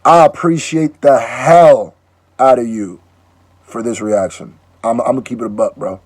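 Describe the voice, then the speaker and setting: Husky and mid-range, a man raised in Nigeria talks at normal speed on a dry recording as he hosts a casual YouTube reaction video. He's lively, joking around and frequently interjecting.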